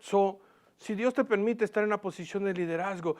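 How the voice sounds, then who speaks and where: Male pastor, high voice, lively sermon with questions to the congregation, slips in English words. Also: a little fast. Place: church platform.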